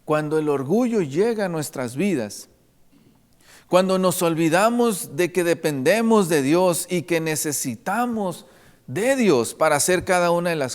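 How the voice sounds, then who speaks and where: A male preacher delivering an earnest sermon and repeatedly calling out to the congregation as his brothers. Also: high-pitched. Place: church. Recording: long reverb of a church hall.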